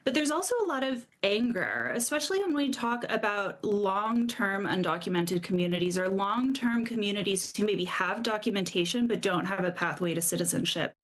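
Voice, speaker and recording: A woman advocacy director talks in an interview at a mid pitch. She speaks earnestly and emphatically. Her points come in short, pointed words. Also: lively intonation, moderate pace, few pauses. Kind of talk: expert interview.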